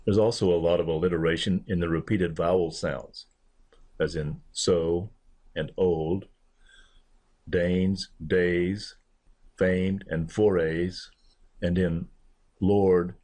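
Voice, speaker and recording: A literature professor, a man, giving a measured recorded lecture and reading verse examples deliberately. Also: deep voice, fairly even intonation, a little mellow.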